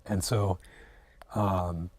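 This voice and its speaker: A man's voice: deep voice, level tone, extremely slow, darkish tone, a little hiss or hum. A man in his late forties, an acupuncturist guest speaking reflectively in an interview, hesitant with many fillers and restarts. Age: 40s.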